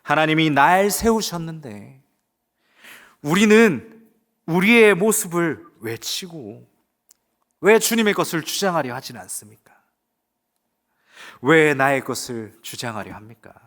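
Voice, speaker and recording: Male pastor, sermon delivery: high, very lively pitch, emphatic climaxes and quiet drops, rhetorical questions to the flock. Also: measured pace, pauses often. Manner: emphatic preaching with rising exclamations and quiet asides; asks the congregation rhetorical questions.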